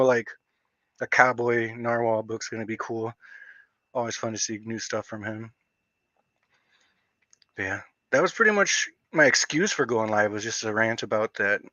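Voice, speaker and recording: Man, casual stream host, rambling and excitable, dry dull lo-fi audio. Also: mid-range voice, dry recording. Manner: rambling, excitable, heavy use of "like". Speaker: livestream host. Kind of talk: casual livestream chat.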